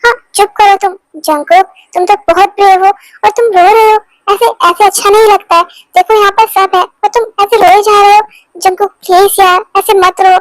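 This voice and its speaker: A woman's voice: extremely high pitch, no room sound. A woman voicing a friend who chides and teases the lovesick young man, in a fan-dubbed romance. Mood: chiding. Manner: chiding, teasing. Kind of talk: Hindi fan dub of a romance story.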